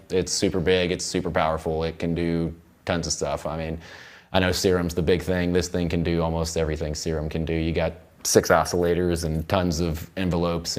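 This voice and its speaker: Music from the session plays behind this young audio production instructor, whose voice sits low and a little mellow. He explains things loosely and informally in a casual, hands-on software tutorial from a recording studio control room.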